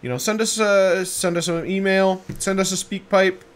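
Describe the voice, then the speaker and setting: A man's voice: high voice, steady tone, moderate pace. A man co-hosting a casual podcast, joking and crude as he wraps up the show. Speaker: podcast co-host. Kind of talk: casual chat.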